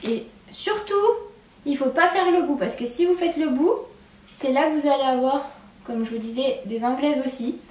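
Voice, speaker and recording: A high-voiced young woman presents a relaxed how-to on hair at home, her regional French accent marked by a strong "hein" and her working patter full of "hop" and "voilà". She is far from the mic, so the room echoes and faint background noise comes through.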